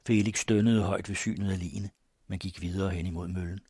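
Husky low-voiced male narrator. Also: fairly even intonation, a little mellow, no room sound, clean studio sound. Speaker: audiobook narrator. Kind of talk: scripted narration.

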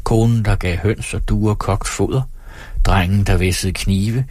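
Male audiobook narrator, husky and low, measured delivery, dry close mic. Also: no echo. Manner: steady, measured reading.

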